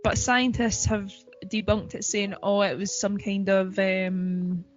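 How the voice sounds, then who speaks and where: A woman's voice: mid-range voice, flat delivery, slow, highs cut off, faint music behind. A woman co-hosting a podcast in casual chat, talking in a chatty, giggly way with lots of fillers. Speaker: podcast co-host.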